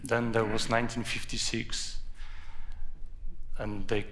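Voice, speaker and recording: A Polish man with a Polish accent and a creaky voice, an author telling personal anecdotes in a halting, deliberate way. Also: medium pitch, flat delivery, fairly bright tone. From Poland. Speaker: author, guest. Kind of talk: anecdotal storytelling at a live talk.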